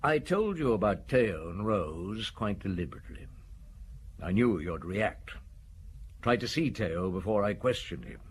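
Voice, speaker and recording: In a clearly noisy audio drama recording, a man plays a stern, relentless police chief inspector who is menacing and sure, bluntly commanding and accusing through interrogation and narration. His voice is lowish and sing-song at a normal speed.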